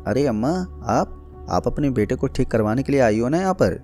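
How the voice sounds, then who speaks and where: A man voicing a ragged, mysterious beggar who speaks slowly and knowingly. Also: medium pitch, animated, mellow, soft background music, pitched above the performer's own voice, natural voice. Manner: slow, drawn out.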